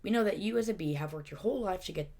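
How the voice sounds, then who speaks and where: A woman's voice: lowish voice, lively intonation, very fast, mellow. Woman reading as a peppy tour guide bee in a script read, cheery announcer manner.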